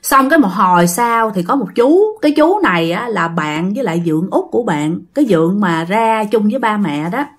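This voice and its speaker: A woman with a Southern Vietnamese accent telling a ghost story, chatty and animated, speaking straight to her listeners. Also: fairly quick, hardly any pauses. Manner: animated, acts out quoted voices with big pitch jumps; chatty, addresses listeners directly.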